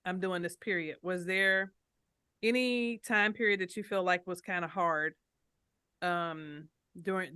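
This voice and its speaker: A woman hosting a casual interview podcast, talking in an animated, playful way and addressing listeners directly. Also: lowish voice, smooth, no echo, clean studio sound. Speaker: podcast host and financial coach.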